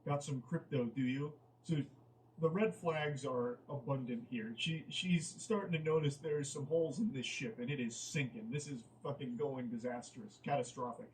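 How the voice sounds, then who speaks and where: A man's voice: medium pitch, moderate pace, far from the mic, slight background noise, low-quality recording. A man giving comedic commentary on a dating app chat he reads out. He sounds incredulous and exasperated and swears freely.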